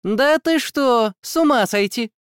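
A man putting on a squeaky fussy little fairy. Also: lively intonation, unhurried, smooth, no room sound, studio quality. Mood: curious. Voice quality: high squeaky put-on voice. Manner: chattering, impatient, nosy. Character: tiny fussy curious female fairy riding an owl. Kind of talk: audiobook character voice.

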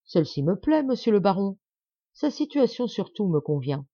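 A woman's voice: mid-range voice, very animated, normal speed, mellow, dry recording, dull audio. A woman reading the part of a proud, stubborn middle-aged man who talks with insistent, forced cheer. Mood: satisfied.

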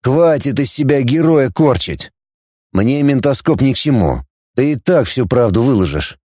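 A man voicing a gruff, mocking male fleet commander who barks orders, in an audiobook. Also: mid-range voice, sing-song, normal speed, warm tone, dry recording, clean studio sound. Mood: commanding. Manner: barking orders, sneering.

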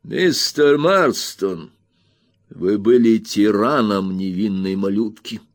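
A man reading aloud, voicing a stern and indignant elderly aunt who scolds in slow, emphatic phrases. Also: fairly low pitch, dry recording, studio quality. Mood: indignant scolding.

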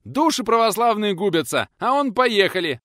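A man voicing an older retired male schoolteacher, stubborn and quick to fly into a shouting rage. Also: sing-song, no room sound, clean studio sound. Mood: enraged. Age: 60s. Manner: shouting indignantly, high and strained.

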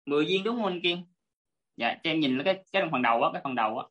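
Woman, online class teacher, lowish voice, polite, repetitive step-by-step explaining, video call. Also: expressive, rapid-fire, fairly bright tone, highs cut off.

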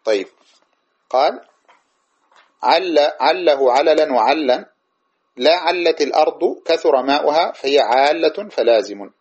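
A man teaches a classical grammar text, reading the verses slowly before explaining them plainly and often checking that listeners are following. His voice is on the high side, expressive and husky, with lo-fi sound.

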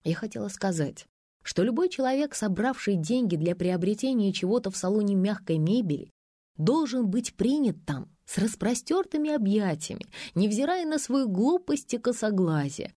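A woman narrating a comic first-person audiobook with wry, deadpan humor. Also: mid-range voice, moderate pace, no room sound, clean studio sound.

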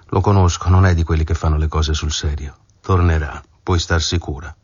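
A man's voice: very deep voice, steady tone, moderate pace, a little mellow, slightly rough, dry recording. A man reading aloud and voicing a smug middle-aged man who speaks with false good nature, in a dull, dry audiobook recording. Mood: mock-genial.

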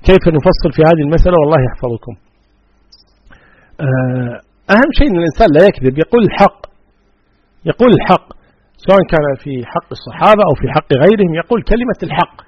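A man speaks as an Islamic scholar in a religious question-and-answer session, reading out each question before answering firmly. His voice is husky and fairly high, and his delivery races along. The sound is dry and dull, like an old lo-fi radio recording. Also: no echo. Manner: reads out questions, then answers in a firm, plain way.

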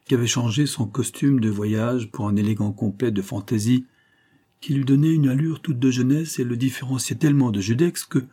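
A man reading a classic novel aloud as an audiobook narrator, in an expressive literary manner. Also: mid-range voice, slightly rough. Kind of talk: scripted narration.

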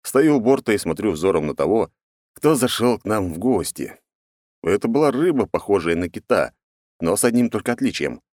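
A man narrating a first-person audiobook in a sardonic, deadpan manner. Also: fairly low pitch, normal speed, no echo, studio quality.

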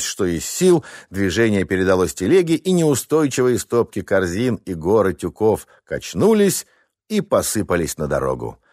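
A man narrating an audiobook chapter with an expressive reading. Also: fairly low pitch, no echo, clean studio sound.

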